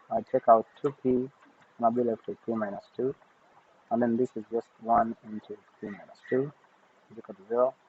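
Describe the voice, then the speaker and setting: A man teaching a recorded math lesson, talking steadily through each step of his working. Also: medium pitch. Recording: tinny phone-like audio with faint noise.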